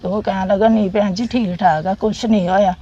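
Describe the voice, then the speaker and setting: Speaking in a mid-range, warm voice with a breathy edge and fairly even intonation, a middle-aged woman with a Jammu Punjabi accent remembers life as a soldier's widow. Her telling is plain and halting, with repeated phrases, and the recording's highs are cut off.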